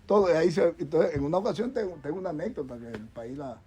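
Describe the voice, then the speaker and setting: With a crowd audible behind him, a middle-aged Dominican doctor on a talk show panel rambles in Dominican Spanish, restarting and repeating words often. He talks fast in a fairly high, expressive voice.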